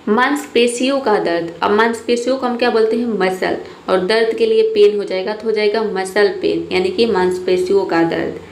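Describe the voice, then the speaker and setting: Woman teacher, vocabulary drill, repeats each word, echoey room, faint hiss. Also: mid-range voice. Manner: says each word slowly twice, often adds "theek hai". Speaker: English teacher. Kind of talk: vocabulary lesson, word lists with repetition.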